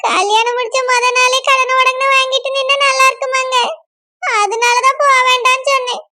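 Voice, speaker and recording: A woman's voice: extremely high pitch, level tone, normal speed, bright, forceful tone. A woman voicing an anxious young bride with a Kanyakumari accent, fretful and self-blaming. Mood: worried. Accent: Kanyakumari Tamil. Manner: fretful, pleading questions.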